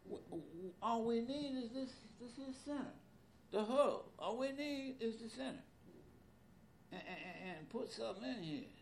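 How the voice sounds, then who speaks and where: A man in his seventies in a casual conversation as an interviewee, animated and repetitive, with loose colloquial speech. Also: extremely high pitch, moderate pace, creaky, slight background noise. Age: 70s. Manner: animated, repeats words, loose colloquial grammar.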